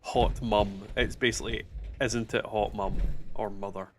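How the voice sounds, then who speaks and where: A man's voice: lowish voice, fairly even intonation, unhurried, a little hiss or hum. A man streaming a video game, chatting casually with swearing, joking banter. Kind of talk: casual gaming stream chat.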